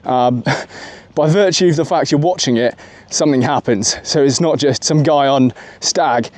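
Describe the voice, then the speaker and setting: A man's voice: mid-range voice, moderate pace, darkish tone. A man giving a rambling, casual political opinion monologue from his car, full of fillers and asides. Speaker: political commentary vlogger.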